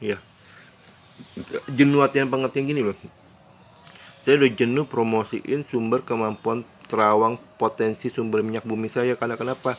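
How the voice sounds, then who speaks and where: A man's voice: medium pitch, fairly even intonation, moderate pace, long pauses, a little hiss or hum. A man telling a personal dream story in a rambling, earnest way, often correcting himself and explaining what he means. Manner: rambling, with frequent self-corrections and restarts; earnest, explains his own words as he goes. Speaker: vlogger recounting a dream.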